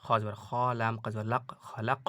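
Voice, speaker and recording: A man teaching Quran reading in an online lesson. He explains slowly, puts questions to his students, and spells out the letters before reciting each word drawn out. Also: fairly low pitch, steady tone, a bit bright, no room sound.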